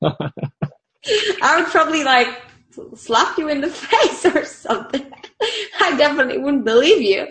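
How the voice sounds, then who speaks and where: Her high, sing-song voice is a bit bright, unhurried, and full of pauses, with slight background noise. She's a Bulgarian online community manager chatting casually in an interview, bubbly and laughing often amid fillers.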